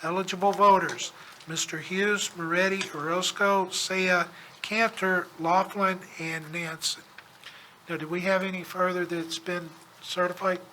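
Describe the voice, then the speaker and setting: A man's voice: sits high, steady tone, measured pace, bright, forceful tone. A man chairing a public meeting, making short procedural calls. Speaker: board chairman. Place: public board meeting room. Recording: noisy room, off-mic.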